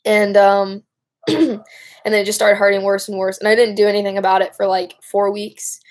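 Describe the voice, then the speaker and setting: A young woman with a Great Lakes Michigan accent chats casually on a live stream, rambling informally and breaking off to address viewers. Her mid-range voice keeps fairly even intonation at a moderate pace, and the recording quality is low.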